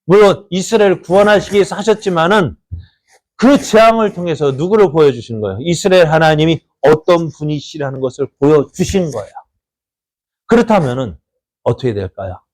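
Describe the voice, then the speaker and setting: A man preaching a sermon as pastor of a church, putting questions to the congregation and answering them himself, and acting out quoted voices with sudden jumps in pitch and loudness. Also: lively intonation, brisk.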